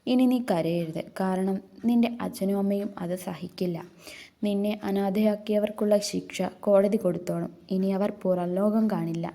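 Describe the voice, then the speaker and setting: A woman's voice: mid-range voice, fairly even intonation, normal speed, warm tone, lightly acted. Devan, a woman reading a firm protective young husband. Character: stern young husband, protective and cold to villains.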